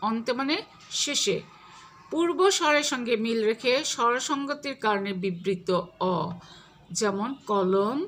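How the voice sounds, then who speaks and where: A woman teacher giving a slow, patient grammar lesson, listing examples one word at a time. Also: fairly high pitch, expressive, a bit bright.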